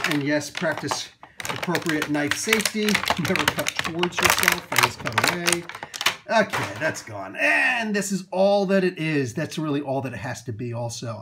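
Off camera at an indoor table, a man of Italian heritage films toys on a handheld phone and rambles through a casual unboxing review full of fillers, restarts and chuckles. His voice sits in the mid range, and the clip is very noisy.

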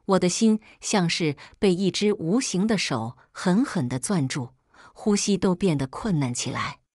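Woman narrating a drama, lively low voice. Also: a little slow, no echo, clean studio sound. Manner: expressive, dramatic reading. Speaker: storyteller. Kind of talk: first-person story narration.

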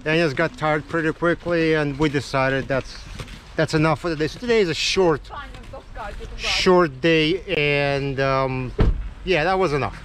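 A man's voice: on the high side, unhurried, fairly bright tone. A man filming a casual family ski vlog outdoors on the slopes, easygoing and chatty, cheering the others on. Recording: wind noise on outdoor camera mic.

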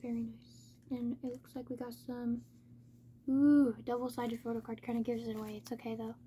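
High-pitched, monotone woman chatting casually. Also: moderate pace, a little hiss or hum. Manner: monotone delivery with little word stress. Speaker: K-pop album unboxing host. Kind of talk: casual chat, unboxing commentary.

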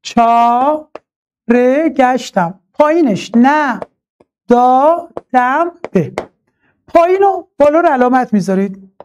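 A man's voice: extremely high pitch, dark tone, lo-fi sound. Man teaching a recorded online class. Patient and methodical, repeats key terms and addresses students as dear ones. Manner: slowly chants verse lines when reciting.

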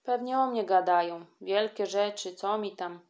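A woman's voice: medium pitch, normal speed, darkish tone, natural voice. Woman voicing a defiant snappish schoolgirl. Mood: stubborn. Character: defiant stubborn schoolgirl, young and angry.

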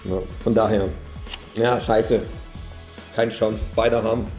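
A man giving excitable, casual commentary over his own mobile game, swearing often and filling pauses with "ähm" and "ne". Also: on the low side, soft background music. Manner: excitable, swears a lot, frequent fillers. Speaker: gaming YouTuber. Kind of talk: live gameplay commentary.

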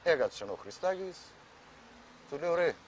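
Ένας άνδρας με κυπριακή προφορά αφηγείται ως αυτόπτης μάρτυρας σε συνέντευξη ντοκιμαντέρ, μεταφέροντας τα λόγια άλλων. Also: male voice, a little high, very animated, slight background noise. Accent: Cypriot Greek. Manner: plain storytelling, quoting others. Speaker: eyewitness. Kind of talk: documentary interview testimony.

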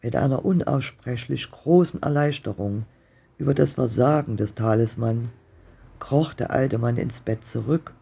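Ein Mann, der ruhig und spannungsvoll eine Gespenstergeschichte vorliest. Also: male voice, medium pitch, creaky, mellow, breathy edge. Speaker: reader of a ghost story. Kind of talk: slow storytelling reading. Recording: dull muffled home recording.

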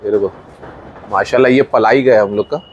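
A man with a Mumbai Hindi accent and a fairly low voice talks a little fast over lo-fi sound with slight hiss or hum. Filming on a handheld phone, the farm owner gives a chatty vlog walkthrough of his outdoor sheds while his buffaloes feed, pointing things out and mixing in English words.

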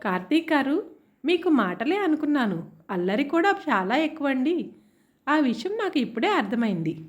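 A woman's voice: high-pitched, big pitch swings, moderate pace, muffled recording. A woman voicing a flustered shy young bride. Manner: flustered, mock-angry. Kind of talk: storybook character voice.

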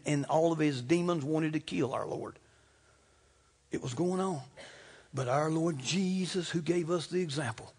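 A middle-aged man preaches in a church with a notably high voice. He is fervent, swings from loud to hushed, and keeps calling out for amens. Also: husky. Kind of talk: sermon. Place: church sanctuary.

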